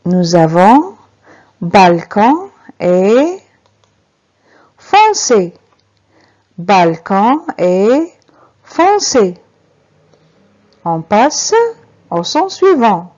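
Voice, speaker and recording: A woman's voice: mid-range voice, sing-song, drawn-out words, long pauses, darkish tone. A woman teacher leading a beginners' reading lesson, spelling out letters and syllables one at a time and repeating each word. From Algeria. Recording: slightly dull lo-fi recording.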